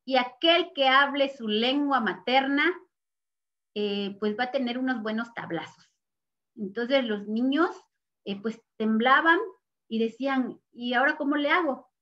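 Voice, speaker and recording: An older Mexican woman whose native language is Nahuatl speaks in a Mexican Spanish accent, her voice slightly raised and a little high. She reflects on her life in slow, earnest interview testimony, measured and pausing often with soft fillers. The recording is muffled and lo-fi.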